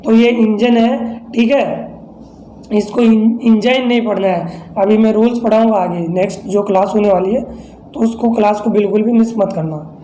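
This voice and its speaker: A man's voice: sits high, fairly even intonation, moderate pace, mellow, slight background noise. A man teaching English pronunciation as an online class lesson, explaining patiently and repeating each example, and calling his viewers friends. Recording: echoey room.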